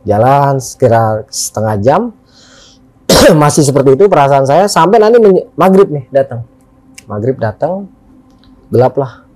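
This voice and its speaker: Animated man telling a story. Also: medium pitch, normal speed, pauses often, no room sound. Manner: animated, acts out friends' lines. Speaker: guest storyteller. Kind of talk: casual storytelling.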